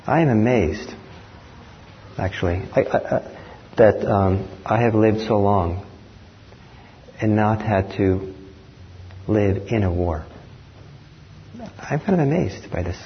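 A man from Norway giving a dharma talk as a meditation teacher, speaking in a reflective, measured way. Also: fairly low pitch. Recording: dull lo-fi talk recording with faint hiss.

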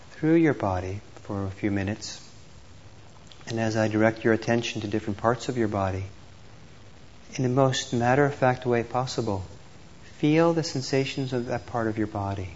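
A man with a medium-pitched voice leads a group in meditation, guiding them gently and slowly with pauses between instructions. The lo-fi recording sounds dull and has clear background noise.

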